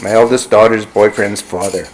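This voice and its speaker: A middle-aged man, speaking at a measured pace as he gives a reflective eulogy for a friend at a funeral. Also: on the low side, fairly even intonation, noisy background. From Canada. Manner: slow, measured, warmly reflective. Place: funeral service venue.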